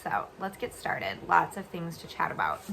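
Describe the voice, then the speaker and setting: A young woman with a slightly low, creaky voice talks casually to her viewers. Her words come out a little slurred, as if her mouth is swollen while recovering from oral surgery. She rambles in a giggly, homespun vlogger way, with faint noise behind her. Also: big pitch swings, moderate pace, a bit bright, poor audio. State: recovering from oral surgery, talking a bit funny. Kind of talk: casual chatty vlog. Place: bed at home.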